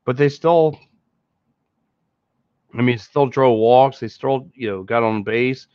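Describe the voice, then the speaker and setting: Speaking slowly in a clean, medium-pitched voice, this podcast host in his thirties has a Philadelphia accent and rambles through a casual postgame sports show, often repeating himself and restarting. He's on a headset mic in a small room with a green screen behind him. The audio is dull, lo-fi and dry, without echo.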